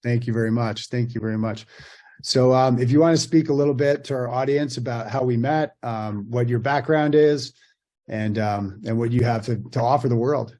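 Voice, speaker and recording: A man hosting an interview in a mellow, relaxed voice. He asks his questions hesitantly, filling the pauses with ums and answering his guest with short affirmations. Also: medium pitch. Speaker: interview host.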